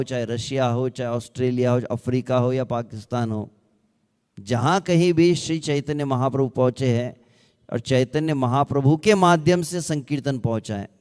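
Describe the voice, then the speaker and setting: A man giving a devotional discourse who asks rhetorical questions and slows into sung chanting of verses. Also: mid-range voice, darkish tone, clean tone, in a large hall. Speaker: ISKCON speaker.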